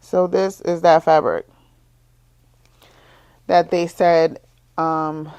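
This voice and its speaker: A young woman who runs her own bikini business, telling her story in a casual vlog, repeating herself and rising higher as her frustration builds. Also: little pitch movement, very slow, darkish tone, smooth. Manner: exasperated, repetitive, rises in pitch when frustrated. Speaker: small business owner, bikini designer.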